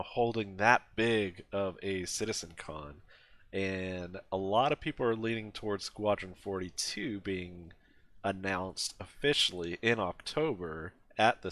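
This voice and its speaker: A man co-hosting a casual gaming podcast, talking in a relaxed, rambling way with many fillers. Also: fairly low pitch. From USA. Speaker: podcast co-host.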